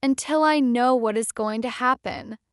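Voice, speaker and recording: Smooth-voiced woman reading simple examples. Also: fairly high pitch, moderate pace, no room sound, studio quality. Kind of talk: slow read-aloud example sentences.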